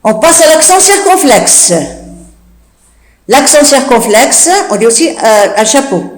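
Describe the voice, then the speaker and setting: A woman teacher giving a slow spelling lesson, repeating each rule and spelling out letters one by one, with the odd hesitant filler. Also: high voice, sing-song, echoey room, rough recording. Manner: fillers like "euh" and "d'accord". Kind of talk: slow classroom dictation lesson.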